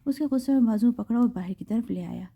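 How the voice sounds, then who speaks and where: A woman's voice: a little high, vocal fry, warm tone, slightly rough. Woman narrating a dramatic audio novel. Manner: dramatic storytelling. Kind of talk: scripted narration of a romance novel. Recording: slightly dull lo-fi recording.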